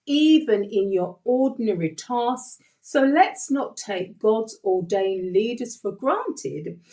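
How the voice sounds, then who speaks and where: Slow, animated woman preaching. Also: mid-range voice. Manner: emphatic, asks the listeners rhetorical questions. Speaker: Bible teacher. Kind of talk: sermon.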